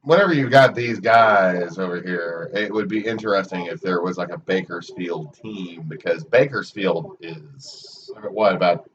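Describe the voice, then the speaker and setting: A man with an Oklahoma Okie accent chatting casually and haltingly as a sports livestream commentator. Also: low voice, fairly bright tone. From Oklahoma, United States. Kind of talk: casual rambling chat during a match stream. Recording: muffled, distant mic with background noise.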